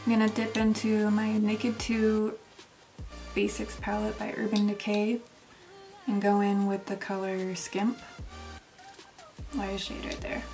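A young woman walks through a makeup tutorial in a relaxed, chatty way. Now and then her voice sinks to a soft near whisper as she works. Faint music plays underneath. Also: mid-range voice, vocal fry. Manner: casual, step-by-step, sometimes drops to a near whisper. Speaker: makeup vlogger.

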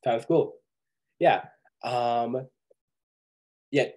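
Teaching coding online by video call while ill, this man talks patiently and easily in a mid-range voice, frequently pausing and saying um.

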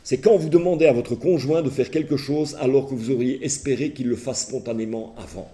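Middle-aged man, mellow voice, telling jokes. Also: medium pitch, brisk. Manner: lively storytelling, mimics characters' voices. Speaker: therapist giving a talk. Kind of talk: humorous lecture with acted anecdotes.

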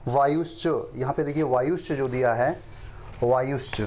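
Man teaching verses, slow chanting. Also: mid-range voice, fairly even intonation, a little mellow, slight background noise. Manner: slow chanted recitation of verses between quick explanations. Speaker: Sanskrit teacher. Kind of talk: classroom lesson explaining verses.

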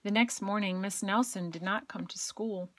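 A woman with a gentle, expressive storytelling manner, reading a children's picture book aloud. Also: medium pitch, moderate pace, a little hiss or hum. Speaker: educator and child care provider reading aloud.

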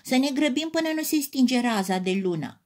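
A woman's voice: high-pitched, expressive, a little mellow, pitched above the performer's own voice. A woman voicing a grumpy, hurt felt teddy bear in a children's story. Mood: grumbling. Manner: complaining, gruff.

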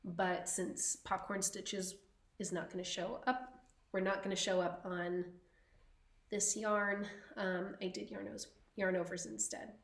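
A woman co-hosting a podcast, chatting casually and slowly about her knitting with frequent ums. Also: medium pitch, flat delivery, reverberant. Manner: slow, chatty, many ums. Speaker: podcast co-host.

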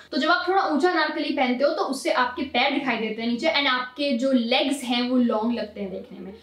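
A young woman giving casual fashion tips in a chatty vlog, mixing English words into her Hindi and calling her viewers guys. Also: sits high. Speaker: fashion vlogger. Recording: roomy echo, from a distance.

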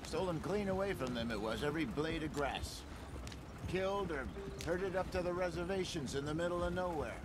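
An actor playing a wry older outlaw gang elder, talking in a measured, lecturing way. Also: male voice, on the high side, natural voice. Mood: explaining. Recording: game audio with loud background noise.

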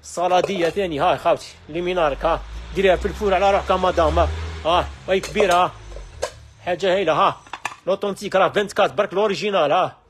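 A man with an Algerian accent running a live sales stream from a household goods shop, with rapid, repetitive calls to look at the wares. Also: high-pitched, a little hiss or hum. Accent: Algerian Arabic.

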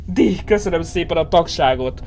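A man's voice: on the high side, gravelly, faint music behind. Jumpy man in his thirties streaming horror. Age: 30s. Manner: jumpy, shouting and swearing when scared; mutters quietly to calm himself. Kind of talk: horror game let's play commentary.

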